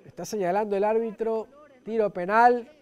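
High-voiced Ecuadorian man commentating football. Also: steady tone, moderate pace, a little mellow, clear, resonant tone, highs cut off.

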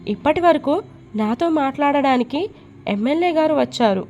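A woman's voice: high voice, lively intonation, normal speed, a little mellow, slight background noise. Woman doing stern father, scolding commanding tone, storybook. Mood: angry. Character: stern wealthy father, quick to anger.

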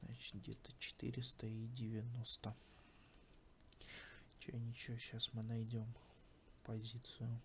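Slow, flat-toned man thinking aloud. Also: medium pitch. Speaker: tutorial host. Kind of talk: casual screen-recorded tutorial, thinking aloud. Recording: faint background noise.

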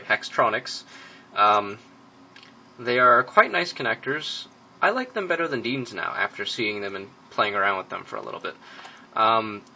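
A man's voice: medium pitch, pushed and bright, a little hiss or hum, low-quality recording. A young man giving a casual hands-on review of a gadget at a workbench, matter-of-fact, with frequent ums and uhs. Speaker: product reviewer.

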